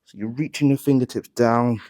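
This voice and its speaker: A man leading a mat Pilates workout, calmly cueing each movement and counting the reps, somewhat out of breath. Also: mid-range voice, brisk. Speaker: Pilates instructor. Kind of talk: guided workout instruction.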